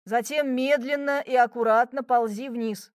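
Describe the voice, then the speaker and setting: A woman voicing a calm, easygoing young man who coaxes and soothes in an audiobook. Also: on the high side, normal speed, no room sound, clean studio sound, lightly acted. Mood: coaxing. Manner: placid, coaxing. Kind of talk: audiobook reading.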